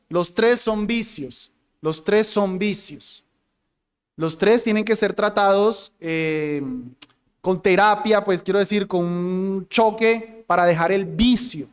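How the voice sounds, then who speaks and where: A man's voice: sits high, clear, resonant tone. A male pastor teaching a sermon to his congregation, addressing them directly and acting out tones of voice as examples. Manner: demonstrates voice inflections, talks with the congregation.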